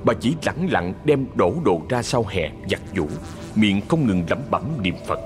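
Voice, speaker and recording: A man narrating a ghost story in a measured, expressive storytelling voice. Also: lowish voice, music in the background.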